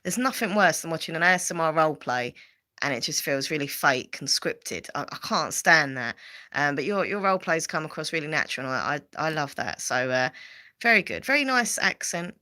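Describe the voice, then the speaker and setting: Chatty low-voiced Essex woman. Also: lively intonation, a little fast, sharp tone. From Southend, England. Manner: rambling and chatty, with frequent fillers and repeats. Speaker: livestream host. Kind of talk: casual livestream chat.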